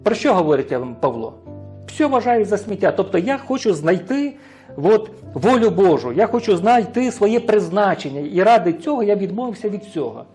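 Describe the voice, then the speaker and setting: A male preacher with a high-pitched voice delivers a sermon, putting rhetorical questions to his listeners and checking in with a quick "right?". Soft music plays faintly behind him. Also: big pitch swings. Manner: frequent rhetorical questions to the congregation; tags sentences with a questioning "right?".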